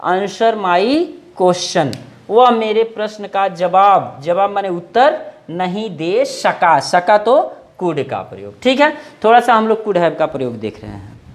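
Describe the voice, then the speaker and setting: A man in his forties teaching English grammar in Hindi as a lesson, repeating phrases and stretching out English words slowly. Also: high voice. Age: 40s.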